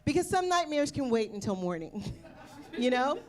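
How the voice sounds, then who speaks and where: A woman's voice: high voice, sing-song, normal speed, a little mellow. A woman performing a stand-up comedy set with a wry, punchy delivery. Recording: played clip of a stage show.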